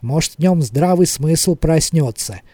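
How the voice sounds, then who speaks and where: A man's voice: fairly high pitch, animated, a little slow, dark tone, no room sound. A man voicing an anxious, irritable young male thief who talks sharply. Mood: grumbling.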